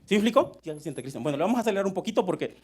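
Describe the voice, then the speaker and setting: A man's voice: sits high, expressive, racing, a little mellow. A young man preaching a sermon, often calling out to his listeners as brother. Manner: fervent, repeats "mano" and "hermano" as address. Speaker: pastor.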